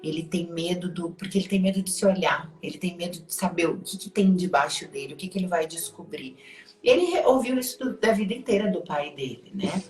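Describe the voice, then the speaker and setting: A woman's voice: fairly low pitch, lively intonation, brisk, a little mellow. A woman with a Brazilian Portuguese accent, a life coach giving emphatic advice and repeating key points for stress. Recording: echoey room with faint music behind.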